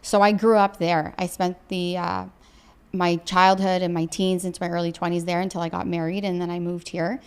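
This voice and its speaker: A woman's voice: on the low side, little pitch movement, normal speed, clean tone. Female co-host from Ontario, casual chat, chatty, laughs easily. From Ontario, Canada. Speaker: podcast co-host.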